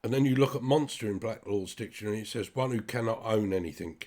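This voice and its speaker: A British vlogger with a lowish, darkish voice talks quickly and directly to his listeners. His casual monologue is a blunt, sweary, rambling rant, delivered in British English.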